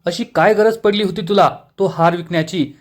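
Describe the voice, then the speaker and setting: A man's voice: high voice, moderate pace, lightly acted. A man voicing a protective middle-aged mother who pleads and defends her son while retelling a serial. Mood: pleading.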